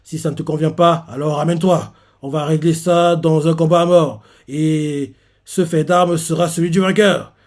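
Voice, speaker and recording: A man voicing a proud, hot-tempered young male warrior with a gruff, insulting manner, read from a comic. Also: on the high side, fairly even intonation, moderate pace, lightly acted. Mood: challenging. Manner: gruff, insulting, shouting retorts.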